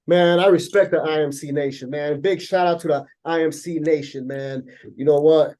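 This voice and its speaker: A man's voice: on the high side, steady tone, normal speed, a little mellow. A laid-back man from Chicago, a guest in a casual interview, who keeps dropping "man" and "bro".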